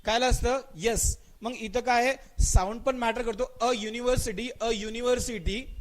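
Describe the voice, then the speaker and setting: A man with a fairly high voice and a Marathi accent runs a live online grammar class. He quizzes students by name, answers his own questions and repeats them, and slows right down to spell out English example sentences. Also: steady tone. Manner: mixes English words into his speech, stretches out spoken example sentences.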